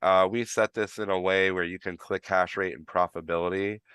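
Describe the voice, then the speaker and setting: A man's voice: low-pitched, steady tone, fairly quick, a bit bright, clear, resonant tone, no echo, studio quality. A man with a New York accent, tinged with Florida, hosting a live stream and explaining things in a rambling, casual way full of fillers and restarts. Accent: New York, with some Florida.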